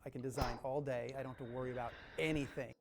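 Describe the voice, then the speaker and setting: A man's voice: medium pitch, fairly even intonation, fast talker, vocal fry, background noise. A man speaking as a game developer in a documentary interview.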